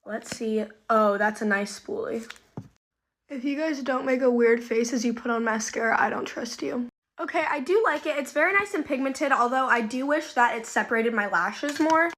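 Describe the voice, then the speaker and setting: A woman chats casually through her makeup routine, reviewing products as she applies them and using plenty of fillers. Her voice is on the high side and fairly bright, at a normal speed.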